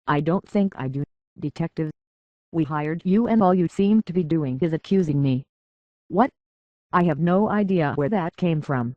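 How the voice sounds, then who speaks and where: A woman with a low voice plays a haughty, petulant rich heiress in a robot body for a video game, her diction pompous, scornful, and theatrical through a metallic filter. She sounds indignant, and the audio is dull with no echo.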